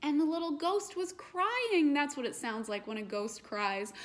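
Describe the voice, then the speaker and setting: Slow, gentle woman storyteller. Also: sits high. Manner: gentle, asks children questions. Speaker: children's librarian. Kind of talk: storytime read-aloud.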